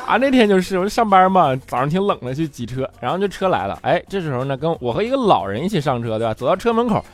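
Talking fast, the comedian host delivers his stand-up monologue in a voice on the high side with big swings in pitch. He's a man telling chatty stories and constantly asking the audience "right?"

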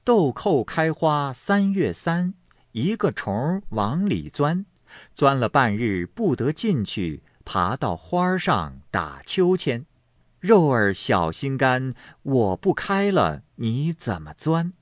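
A man voicing a teasing young singing girl who chants and sings slowly, in a story reading. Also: mid-range voice, huge pitch swings, dry recording, studio quality, heavily acted. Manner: slow sing-song chanting.

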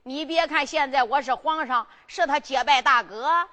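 A woman storyteller performing a traditional ballad, singing drawn-out phrases between spoken narration. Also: sits high, sharp tone. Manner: drawn-out sung phrases with exclamations.

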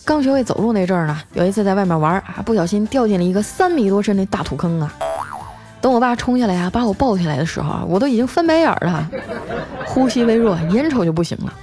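A woman's voice: mid-range voice, expressive, quick pace, music in the background. A young woman hosting a comic audio show, telling funny stories and reading listener messages in a chatty, playful way. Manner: chatty, playful, trails phrases with 啊. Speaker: podcast host.

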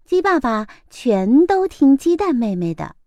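A woman hosting a children's story program, reading a picture book aloud in a gentle, expressive way. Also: sits high, unhurried, no echo. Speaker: storyteller host.

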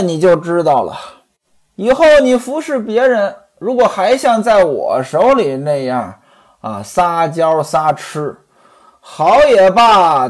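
A male storyteller voicing a dying, gentle young wife as she hands out her belongings to her servants. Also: sits high, exaggerated voice.

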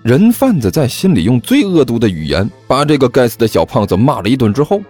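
A man narrating a comic story with an expressive reading. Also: mid-range voice, fast, faint music behind.

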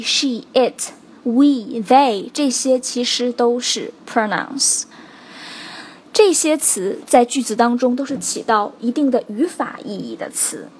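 A woman teaching a spoken English lesson, explaining stress rules clearly and stopping to check in with her students. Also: on the high side, a little hiss or hum. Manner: explains slowly and clearly, stressing example words, checks in with "OK?" and "right?".

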